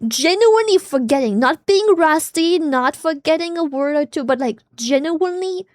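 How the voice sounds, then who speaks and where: A woman's voice: sits high, expressive, normal speed, no echo, studio quality. A young woman who speaks natively, chatting casually with viewers on a stream in English with a rambling, filler-heavy manner. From Germany. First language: German.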